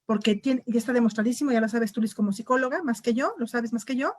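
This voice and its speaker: A woman with a high, bright-toned voice chats as a parent guest on a discussion panel. She talks animatedly. The sound is close and dry, with no room echo. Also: fast talker. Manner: animated, acts out quoted parent and child voices. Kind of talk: casual panel chat.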